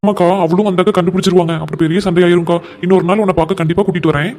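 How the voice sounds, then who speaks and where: A man voicing a cheeky, flirty younger brother in a cartoon, talking in a rapid, breezy, teasing way. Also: high-pitched, fairly even intonation, darkish tone, lightly acted. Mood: chatty. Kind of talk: animated cartoon voice acting.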